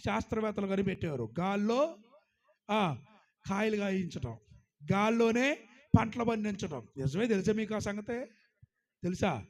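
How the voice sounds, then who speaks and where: Male pastor, high voice, sermon delivery with call-and-response, swings from loud scripture to hushed storytelling. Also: sing-song, moderate pace, pauses often. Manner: preaching with call-and-response, asks the congregation to praise loudly; surges loud on scripture, drops low and quiet for anecdotes.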